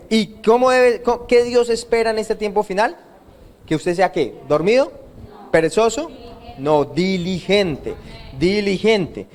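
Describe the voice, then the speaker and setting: A man's voice: high-pitched, darkish tone. A man preaching a sermon in church, constantly asking the congregation questions and answering them himself. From Colombia. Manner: call-and-response questioning of the congregation. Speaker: pastor. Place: church service.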